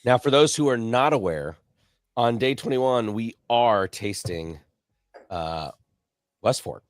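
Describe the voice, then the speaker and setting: An easygoing man hosts a live tasting stream over a video call and walks viewers through how things work. His voice sounds dry and close, with no room around it, at a middle pitch. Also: animated, slow pace, no echo. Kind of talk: casual live-stream hosting.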